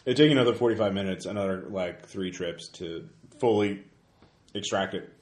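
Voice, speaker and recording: A man's voice: low voice, normal speed, darkish tone, roomy sound. A man running a tabletop game as game master, talking loosely with restarts and laughs. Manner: loose, stumbling, laughs often.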